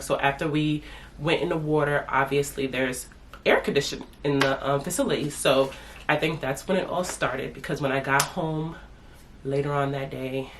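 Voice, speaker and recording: Slight background noise accompanies this low-voiced woman in her thirties, a family vlogger chatting casually to camera. She sounds congested from a sinus infection and calls herself "your girl."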